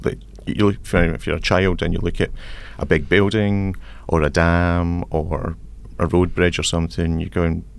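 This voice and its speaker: Casting: Scottish man, 40s, deep voice with a gravelly edge, thoughtful interview guest. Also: flat delivery, unhurried, hardly any pauses. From Scotland. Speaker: civil engineer guest. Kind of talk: podcast interview.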